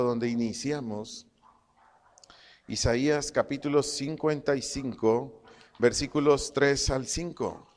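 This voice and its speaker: A man preaching a sermon to his congregation, slow and emphatic, repeating his phrases and dictating punctuation as he teaches. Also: medium pitch, big-room sound. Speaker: pastor. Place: church congregation hall.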